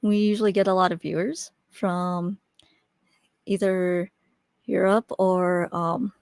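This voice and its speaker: A woman's voice: on the low side, steady tone, slow, creaky, a little mellow, smooth, no room sound, studio quality. A young woman hosting a live webinar, chatting casually on a USB desk mic with lots of fillers and restarts while waiting for viewers to arrive. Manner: chatty, friendly, filler-heavy with frequent restarts. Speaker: webinar host. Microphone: USB desk microphone.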